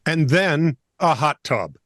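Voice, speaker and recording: A man's voice: a little high, takes it slowly, dry recording, clean studio sound. A man co-hosting a comedic oddball news podcast, reading stories with wry jokes and asides. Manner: jokey, lively, reads stories with wry asides. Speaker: co-host.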